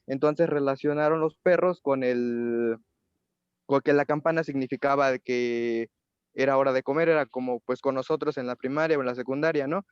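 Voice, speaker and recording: Man, Mexican accent, student asking a question, smooth voice, halting, dry muffled audio. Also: medium pitch, fairly even intonation, no room sound. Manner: halting, hesitant, rephrases while thinking aloud.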